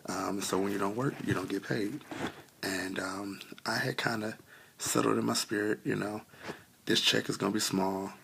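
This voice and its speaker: A man tells an earnest personal testimony with many ums, trying not to cry and still coughing a little. His voice is low and deeply gravelly with fry. A faint hiss of noise sits behind him. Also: steady tone, moderate pace. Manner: earnest, many fillers, on the edge of tears. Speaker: vlogger sharing a testimony. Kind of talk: casual heartfelt testimony.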